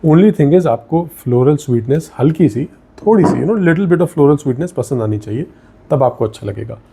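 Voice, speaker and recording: A man's voice: fairly high pitch, lively intonation, moderate pace, gravelly, mellow, husky. A young man with an Indian accent, casually reviewing perfumes and mixing Hindi with English as he thinks aloud while sniffing each one. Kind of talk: casual product review vlog.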